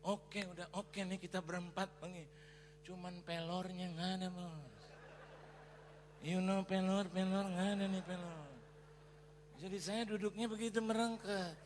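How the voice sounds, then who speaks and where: A man preaching a sermon as a pastor, telling a story in an animated way, acting out quotes and mixing in English phrases. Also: sits high, a little slow. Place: large church hall. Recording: reverberant church hall with faint noise.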